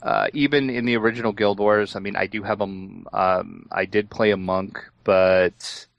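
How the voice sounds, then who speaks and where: A man co-hosting a casual gaming podcast, calmly explaining new features step by step. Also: fairly low pitch, normal speed, gravelly, no echo, lo-fi sound. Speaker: podcast co-host.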